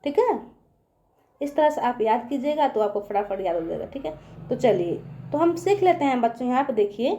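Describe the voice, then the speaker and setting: A woman's voice: fairly high pitch, very animated, normal speed, warm tone. A woman teaching young children in a patient online lesson, asking them questions and repeating herself often.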